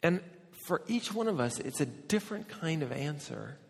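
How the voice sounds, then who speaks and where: A man in his forties, a pastor, preaching a sermon and telling personal stories in an animated, self-deprecating way. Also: a little high, moderate pace, creaky. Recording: hall with long reverb.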